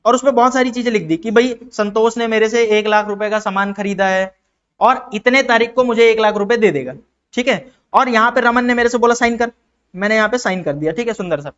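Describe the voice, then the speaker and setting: A lo-fi recording captures a man from India with a high, slightly bright voice giving a classroom-style accounting lesson. He repeats important terms, answers his own questions to students, and acts out short exchanges using other voices.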